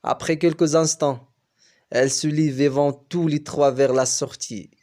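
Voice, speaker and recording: A man who teaches French, reading a novel aloud slowly and carefully. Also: fairly high pitch, fairly even intonation, a little mellow. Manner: slow, careful storybook reading.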